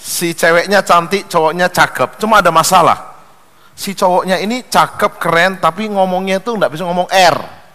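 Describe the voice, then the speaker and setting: A man's voice: high-pitched, moderate pace. A man preaching a sermon, telling jokes with acted-out voices and leading the congregation in call-and-response. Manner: animated joke-telling, acts out voices. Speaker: pastor. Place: large church hall. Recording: long hall reverb.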